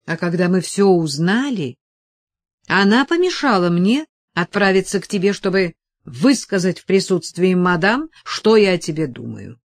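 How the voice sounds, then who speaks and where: A woman's voice: fairly low pitch, animated, unhurried, darkish tone, dry recording, studio quality. A woman reading the lines of a grave, restrained aging nobleman in an audiobook, speaking earnestly.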